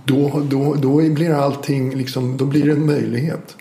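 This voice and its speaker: A man's voice: medium pitch, level tone, warm tone. A man talking reflectively in a conversation, thoughtful and hesitant, often restarting his sentences. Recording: echoey room with faint ambience.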